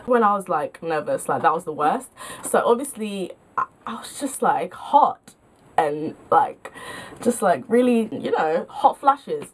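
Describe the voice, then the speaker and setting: A woman's voice: lowish voice, animated, measured pace. A young woman tells stories to camera in a casual vlog. She talks in a chatty, self-mocking way. Her sentences are full of filler words. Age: young adult. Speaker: vlogger.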